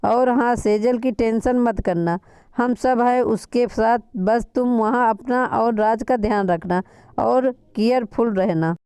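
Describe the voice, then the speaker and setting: A woman voicing an older father who speaks gently and reassures his son. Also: a little high, slow pace, clean tone, dry recording. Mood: reassuring. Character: older father figure, caring and steady.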